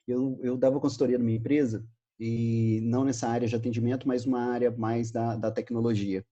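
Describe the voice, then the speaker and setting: A man's voice: medium pitch, mellow. A man with a Brazilian Portuguese accent giving a virtual business talk, telling a story and acting out the dialogue with animation. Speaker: speaker.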